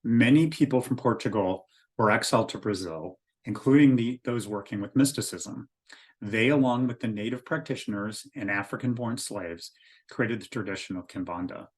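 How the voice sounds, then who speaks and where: A man with a fairly low-pitched voice gives an informal spoken lecture. He speaks as an author and spiritual teacher, earnest and explanatory. His delivery is hesitant, with frequent ums and self-corrections. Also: darkish tone.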